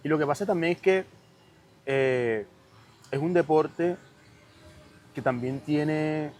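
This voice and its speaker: A man's voice: fairly high pitch, slow, darkish tone. A man with a Caribbean Spanish accent from Cartagena, Colombia, explains things conversationally and emphatically, often checking that his listener follows. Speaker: podcast guest.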